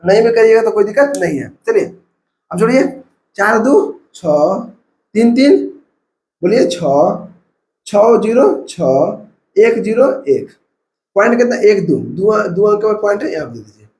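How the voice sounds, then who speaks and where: A man's voice: high-pitched, sing-song, normal speed, a little mellow. A man from India with a Bihari Hindi accent, teaching a math lesson step by step and counting numbers aloud. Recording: echoey room.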